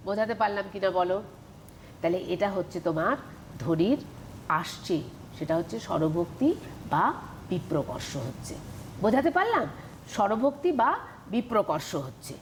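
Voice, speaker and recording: A woman's voice: fairly high pitch, slight background noise. Patient woman teaching grammar on TV. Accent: Bengali. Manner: repeats questions to students, explains patiently. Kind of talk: televised Bengali grammar lesson.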